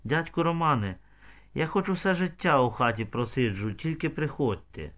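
A man's voice: mid-range voice, animated, moderate pace, fairly bright tone, voice pushed up, lightly acted. A man voicing a young, frightened village girl in love, pleading and tearful, in an audiobook.

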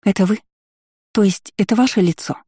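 A frightened young maid, devoted and tearful, voiced by a woman reading an audiobook. She pleads in a soft, mellow tone. The sound is dry and close. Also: mid-range voice, fairly quick, slightly rough, no echo, natural voice. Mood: pleading, tearful. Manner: sobbing, pleading, anxious.

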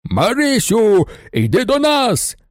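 A man voicing a rowdy young student who shouts down mockingly from a window. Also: very high-pitched, wildly swooping pitch, takes it slowly, no echo, studio quality, voice pushed up, full character voice.

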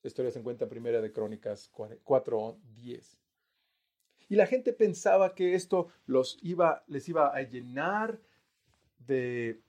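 Earnest man preaching a sermon. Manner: earnest, pauses and restarts, voice swells then sinks low. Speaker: pastor.

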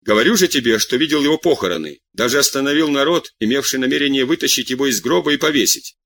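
A man voicing a gruff, blunt middle-aged farmer with curt, impatient questions. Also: mid-range voice, lively intonation, fast, a bit bright.

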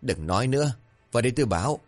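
A man playing a stern, worried old village husband who speaks gruffly. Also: mid-range voice, expressive, racing, a little mellow, soft background music, voice pushed up, close to an everyday voice. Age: older. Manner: gruff, scolding.

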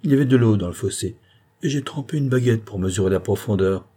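A man voicing a jolly, mischievous country gentleman in an audiobook, given to mock-dramatic exclamations. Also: fairly low pitch, quick pace, slightly rough. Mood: cheerful.

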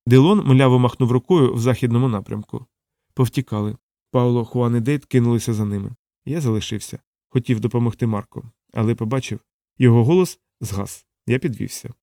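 Steady male audiobook narrator, dry sound. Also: mid-range voice, brisk, no echo. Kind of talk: first-person audiobook narration.

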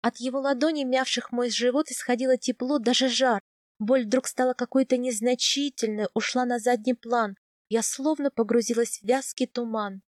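A woman narrating a first-person audiobook in a calm, measured way. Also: fairly high pitch, no echo, studio quality.

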